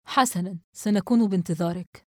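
A woman's voice: on the low side, normal speed, warm tone, no echo, clean studio sound, close to an everyday voice. A woman reading a novel aloud, voicing a polite, slightly hesitant male driver.

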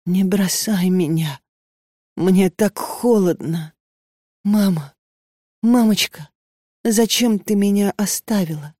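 A woman's voice: medium pitch, dark tone, no room sound, studio quality. A woman doing a faint delirious sick girl.

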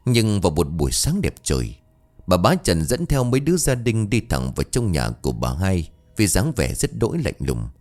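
A man's voice: low voice, big pitch swings, moderate pace, darkish tone. A man narrating a ghost story in a dramatic, emotional storytelling manner. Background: faint background music.

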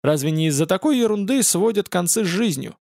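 A man's voice: high-pitched, expressive, a little fast, gravelly, darkish tone, no room sound, pitched above the performer's own voice. A man reading an audiobook, voicing a male fallen angel with a dry, mocking and commanding manner.

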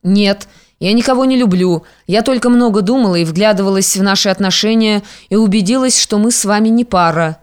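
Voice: medium pitch, a little fast, clean tone, close to an everyday voice. A reader voicing a cold, resolute young woman who rejects her lover sharply, in an audiobook. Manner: cold and sharp, turning to fury. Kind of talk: audiobook character reading.

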